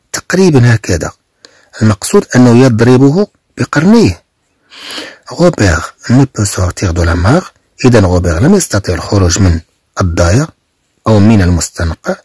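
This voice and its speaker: Male teacher, husky, lowish voice with a lively lilt, repeats and translates each phrase. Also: no room sound. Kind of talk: explaining a French reading text.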